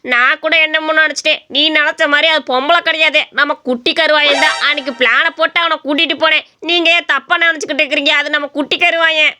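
A woman voicing a lazy, crude village man who answers with gruff, dismissive retorts. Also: high voice, fairly even intonation, quick pace, hardly any pauses, sharp tone, faint music behind.

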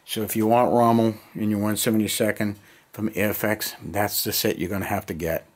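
This middle-aged American hobby vlogger has a fairly low, level voice and talks fairly quickly as he putters around a cluttered basement hobby room. Unscripted, he chats casually to his viewers and mutters his thoughts aloud in short bursts, captured by a handheld camera about arm's length away.

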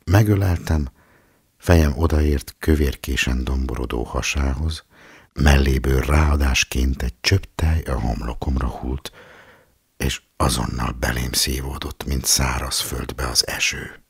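A man reads a story aloud in a calm, measured way. His voice is very deep and gravelly, with a husky edge. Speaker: audiobook reader. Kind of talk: literary reading.

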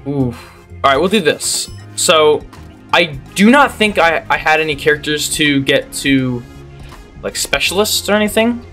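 A young man giving gameplay commentary as a channel host, ranting in exasperation and bursting into loud disbelief. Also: a little high, lively intonation, moderate pace, faint music behind.

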